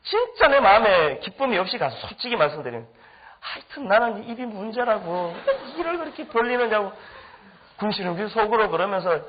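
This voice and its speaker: A man's voice: sits high, a little fast. A middle-aged male pastor telling a humorous story in a sermon, acting out the people he quotes. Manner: animated, humorous anecdotes with acted-out quotes. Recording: dull lo-fi recording.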